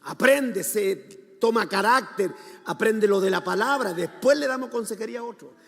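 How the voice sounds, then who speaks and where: An older pastor preaches with a high, gravelly voice. He calls the congregation to answer him and swings from shouts to quiet asides. His voice rings through a reverberant church hall. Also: normal speed. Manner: dramatic, shifting between shouts and soft asides. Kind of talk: sermon.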